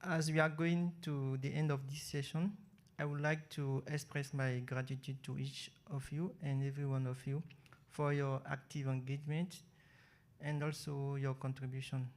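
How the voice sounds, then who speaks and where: A man with a Beninese French accent speaks at a mid pitch with little melodic movement. He addresses a session as its moderator. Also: level tone, normal speed. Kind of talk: public address at a conference session.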